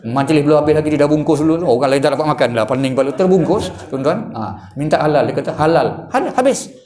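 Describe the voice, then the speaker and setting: A man's voice: on the high side, fast. A male preacher with a Malaysian Malay accent gives a mosque lecture, keeps calling out to the congregation and acts out the gossip in small voices. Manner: animated, addresses the congregation again and again, acts out gossip in little voices. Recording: echoey room.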